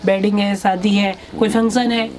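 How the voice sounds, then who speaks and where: A man hosting a clothing shop video, pitching suits in an eager sales patter. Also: little pitch movement, moderate pace, darkish tone, a little hiss or hum. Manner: enthusiastic, hyping prices and looks. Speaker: host presenting clothes in a shop. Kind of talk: fast promotional sales pitch.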